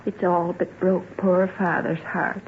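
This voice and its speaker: In a tinny, noisy old radio recording, an actress voices a plain-spoken, sorrowful country woman devoted to her family. Her low voice is flat and a little slow as she tells the story earnestly in rustic dialect.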